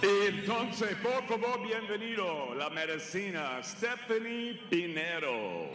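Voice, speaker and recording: Booming-hall male ring announcer, lucha libre style. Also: very animated, over music. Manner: formal, drawn-out announcing of names. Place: large indoor arena. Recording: echoey arena PA with long reverb. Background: hall reverb.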